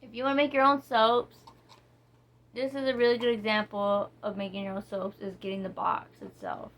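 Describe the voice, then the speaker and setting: A woman talks through a soap review in a loose, casual way. She reads ingredient names slowly and wanders between thoughts, stopping and restarting often. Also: mid-range voice, flat delivery, fairly bright tone. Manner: rambling, reading ingredients slowly, with many fillers and restarts. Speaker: vlogger reviewing soaps. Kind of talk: casual product review chat.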